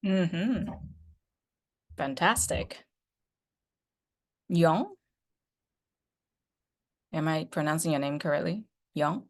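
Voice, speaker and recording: A woman's voice: low-pitched, expressive, drawn-out words, pauses often. A middle-aged woman professor on a video call, talking chattily with many fillers and restarts. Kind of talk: online class introduction.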